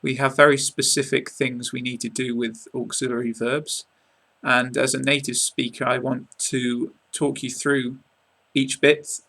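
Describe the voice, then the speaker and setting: A young English man in his twenties with an English accent, giving an online lesson to a webcam in a small room, speaking in a clear, measured teaching manner with casual asides. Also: mid-range voice, little pitch movement, fairly bright tone. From England. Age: 20s. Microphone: webcam at close range.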